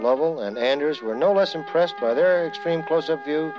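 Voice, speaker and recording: This man's voice sits on the higher side and moves at a normal pace as he narrates a scripted documentary wryly, like telling a story. The audio is slightly dull, with music underneath.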